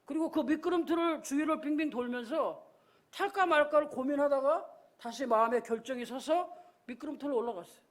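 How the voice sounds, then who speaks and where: A man's voice: very high voice, brisk. A male pastor giving a Sunday sermon, telling a story and acting out the voices in it.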